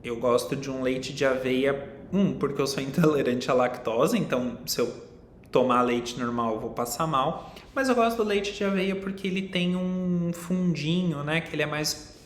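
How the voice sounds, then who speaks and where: A young man with a Brazilian accent, a psychologist giving an online lecture, explaining and asking viewers questions directly. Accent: Brazilian Portuguese. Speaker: psychologist teaching a course. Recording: echoey room with faint rumble.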